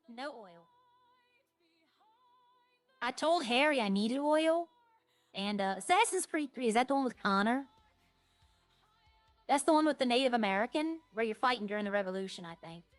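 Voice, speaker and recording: A woman with a fairly high voice streams a game, chatting in a loose, informal way. She rambles along as she talks to her viewers. The sound is slightly dry, with music playing underneath. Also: a bit bright, no room sound.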